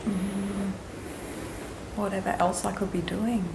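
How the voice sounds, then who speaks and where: Female client, mid-pitched, quiet hesitant answers, clearly noisy off-mic pickup. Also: level tone, takes it slowly. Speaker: volunteer demonstration client. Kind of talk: answering questions in a demonstration.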